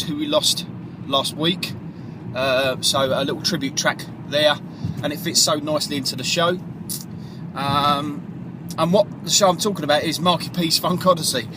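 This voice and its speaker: A man's voice: fairly high pitch, background noise. A radio DJ, talking casually and in a rambling, self-correcting way as he previews his show from a car.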